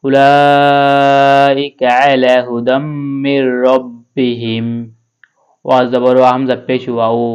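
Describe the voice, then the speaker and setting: A man teaching Quran reading letter by letter, spelling each syllable and then chanting the verse slowly. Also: medium pitch, darkish tone, clear, resonant tone, dull audio.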